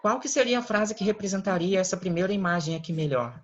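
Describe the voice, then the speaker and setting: A man, an English teacher giving a recorded class, who explains patiently step by step and keeps checking in with quick question tags. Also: high voice, lively intonation. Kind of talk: recorded online class lesson. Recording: slightly dull lo-fi recording.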